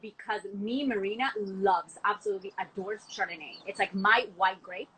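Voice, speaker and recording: A young woman from Argentina talks enthusiastically about wine in a loose, chatty way, leaning on "like" as she goes. Her voice is bright and forward. A faint background hiss runs under the video call. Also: mid-range voice, fairly even intonation, moderate pace, poor audio. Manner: enthusiastic, chatty, many "like" fillers. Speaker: wine export manager, guest. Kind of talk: casual podcast conversation. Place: home, from a window view of the city.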